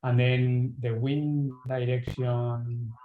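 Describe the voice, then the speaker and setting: A man's voice: medium pitch, little pitch movement, very slow, narrow, tinny audio, slight background noise. A man working as an observatory operator, talking casually through technical conditions.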